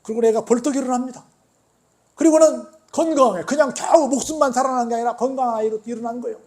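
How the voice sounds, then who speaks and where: A male pastor preaching a sermon, calling out to the congregation and swinging from near-quiet to loud. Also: very high voice, steady tone, quick pace. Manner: call-and-response preaching, dramatic swings in loudness.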